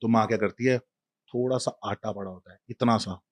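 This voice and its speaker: A man telling a devotional story in a lively, casual way, talking straight to a listener. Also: fairly low pitch, a little fast.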